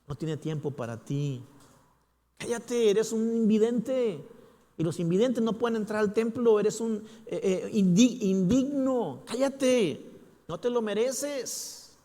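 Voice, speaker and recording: A scornful male inner voice of self-doubt, scolding and belittling, as a preacher puts it on in his sermon. The voice sits high and rings out with a long reverb from a church hall. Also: a little mellow.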